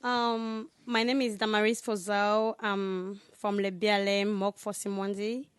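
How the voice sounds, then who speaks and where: A woman's voice: medium pitch, level tone, a little slow, clear, resonant tone, no room sound. A young woman, a singer who is a guest on a radio interview in a studio. She talks earnestly and often says "like". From Cameroon. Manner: earnest, with casual "like" fillers.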